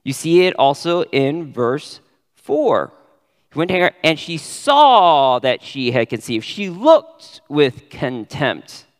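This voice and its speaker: A man preaching a sermon as pastor, stressing key words with sudden rises in pitch. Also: big-room sound.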